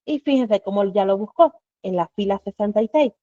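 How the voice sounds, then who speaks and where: Woman teacher, patient step-by-step explainer, mellow voice, dry muffled online class audio. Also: medium pitch, expressive, fairly quick, no room sound. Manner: explains step by step with rhetorical questions. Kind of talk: live online class walkthrough.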